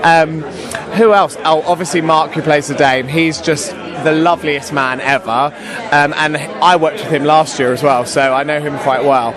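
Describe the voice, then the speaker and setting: A man's voice: fairly high pitch, fairly even intonation, moderate pace, a crowd in the background. A young British man, an actor, chatting casually and enthusiastically in an interview. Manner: enthusiastic, gushing. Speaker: pantomime actor and singer.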